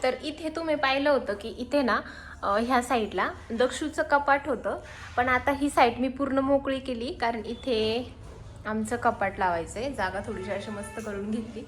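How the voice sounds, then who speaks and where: A woman's voice: fairly high pitch, normal speed, reverberant, slight background noise. A young woman chatting casually for her home vlog, filming on her phone. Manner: chatty, talks to her little son in a coaxing sing-song voice. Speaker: mom vlogger. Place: small room at home. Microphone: handheld phone.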